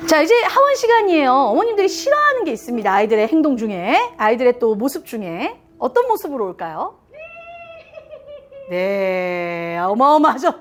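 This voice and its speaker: A woman's voice: on the high side, big pitch swings, moderate pace, faint music behind. A woman giving a live lecture to parents on communication styles, playful, often laughing and acting out what people say. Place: lecture room with a live audience.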